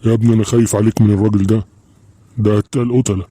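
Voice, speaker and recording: Over-60 Egyptian grandfather, fast and fretful, mellow tone, played by a man. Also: lowish voice, flat delivery, lightly acted. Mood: worried. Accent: Egyptian Arabic. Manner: pleading, fretful. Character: worried old grandfather, stubborn and protective. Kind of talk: Egyptian cartoon dub acting.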